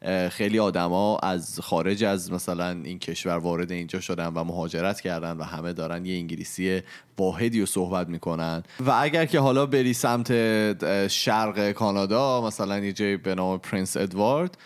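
Low-voiced man hosting a casual chat. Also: steady tone. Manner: prompting, joking, halting with fillers.

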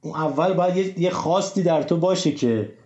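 A man with a somewhat high, darkish voice hosts a casual discussion of Persian writing rules, leaning on lots of examples and hesitant fillers. The recording sounds roomy, dull and lo-fi.

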